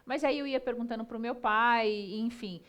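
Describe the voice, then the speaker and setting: A woman hosting a TV talk show, chatty and lively, often talking to the audience. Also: a little high, moderate pace. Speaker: TV show host.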